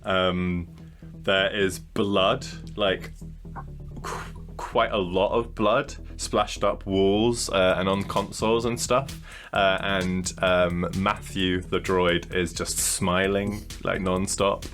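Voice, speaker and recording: Low, bright-voiced man running a game. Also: fairly even intonation, slow pace, soft background music. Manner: rambling, full of likes and uhs. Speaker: game master. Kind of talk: narrating a tabletop game.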